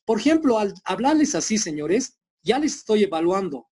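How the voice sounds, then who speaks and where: A man's voice: high-pitched, very animated, dark tone, breathy edge. A man teaching an online class with a Bolivian Spanish accent, lecturing firmly and acting out short dialogues, heard over a video call. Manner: firm, lecturing, acts out quick dialogues.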